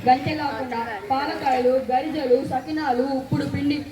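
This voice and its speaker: A woman in a comedy skit, boastfully listing dishes with loud exclamations. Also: sits high, steady tone, normal speed. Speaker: skit performer. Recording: echoey, far from mic, loud crowd and noise.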